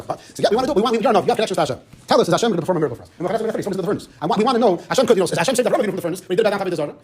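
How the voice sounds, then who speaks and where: A man teaching a Torah class as a rabbi. He retells the story briskly, acting out the dialogue and mixing Hebrew and Yiddish terms into his teaching. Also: high-pitched, darkish tone, breathy edge.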